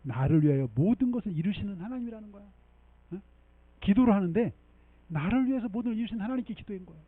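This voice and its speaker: A man preaching a sermon as pastor, animated and emphatic, often checking in with the congregation and leading them in reading scripture. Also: sits high, quick pace, no room sound, phone-quality sound. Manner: animated preaching with frequent rhetorical 'eung?' checks. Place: church sanctuary.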